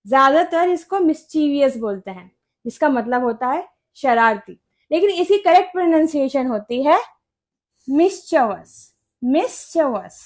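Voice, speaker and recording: A woman from India teaching English pronunciation, repeating each word slowly and carefully for learners. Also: high-pitched, fairly bright tone. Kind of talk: pronunciation lesson.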